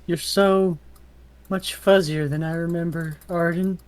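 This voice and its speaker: A man playing a tabletop game, speaking slowly and hesitantly. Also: a little high, fairly even intonation. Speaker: player. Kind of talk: casual tabletop play.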